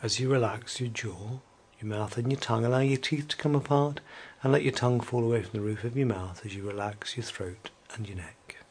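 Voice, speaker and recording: A man leading a guided evening relaxation, speaking slowly and soothingly and at times sinking to a soft whisper. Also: mid-range voice, a little hiss or hum.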